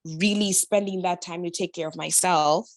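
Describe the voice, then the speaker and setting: A Kenyan body-confidence influencer chats as a podcast guest in a casual, personal interview, speaking emphatically and with slang in a motivational way. Her fairly low voice has fairly even intonation at normal speed, recorded with clean studio sound and no echo.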